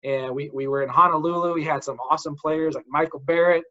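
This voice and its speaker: Man, forties, casual interview host, upbeat storyteller, slightly raised pitch, muffled lo-fi sound. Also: fairly even intonation, fast talker, sharp tone. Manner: enthusiastic, storytelling, says dude a lot. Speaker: podcast host, mental coach. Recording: dull lo-fi audio.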